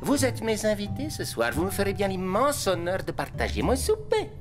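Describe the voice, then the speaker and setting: An actor voicing a lonely, jovial vampire count who loves jokes in a French cartoon, theatrical and effusive. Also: male voice, high voice, huge pitch swings, moderate pace, over music. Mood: effusive, needy.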